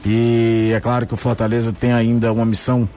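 A man's voice: medium pitch, monotone, brisk, warm tone, faint music behind. A man giving conversational, explanatory football analysis on the radio, repeating words to build his points. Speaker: sports commentator.

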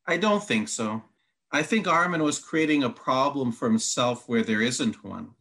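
This Bible teacher, a native Hungarian speaker, methodically reads out long quotes and counts through his answers during a teaching conversation. His voice is mid-range, fairly bright and animated, moving at a moderate pace.

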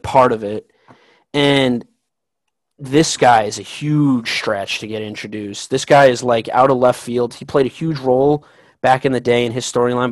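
A man co-hosting a casual podcast, rambling excitedly about comic villains with frequent restarts. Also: mid-range voice, dry recording, rough recording. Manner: rambling, excitable fan talk with many restarts. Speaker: podcast co-host. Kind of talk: casual chat.

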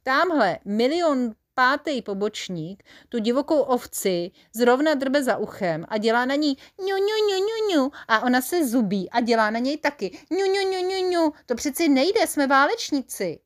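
A woman's voice: high-pitched, big pitch swings, few pauses, pitched above the performer's own voice. A woman voicing a blunt, bossy female dwarf lieutenant in a children's story, chatty and fussy.

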